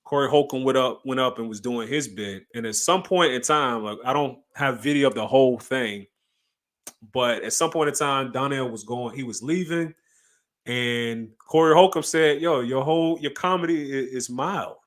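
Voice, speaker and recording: Male podcast co-host, mid pitch, emphatic casual chatter. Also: normal speed, a bit bright. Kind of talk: casual chat.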